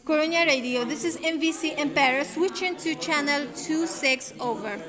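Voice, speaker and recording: A woman's voice: high voice, moderate pace, music in the background, lightly acted. A woman playing a ship's officer on marine radio. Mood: formal. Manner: formal marine radio procedure, repeats call signs. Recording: echoey hall with crowd noise.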